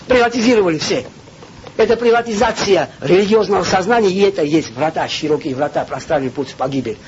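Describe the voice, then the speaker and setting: A man from Georgia delivers an impassioned religious lecture in a high voice that swings widely. He's emphatic, full of "uh"s, hesitations, and rhetorical questions, and the muffled, dull lo-fi audio carries some hiss and faint background noise.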